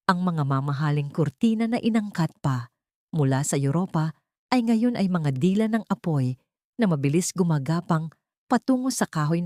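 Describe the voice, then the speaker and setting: A dramatic audiobook narrator with a Filipino accent reads a scripted story. Her lowish voice is a little mellow, recorded in studio quality with no echo.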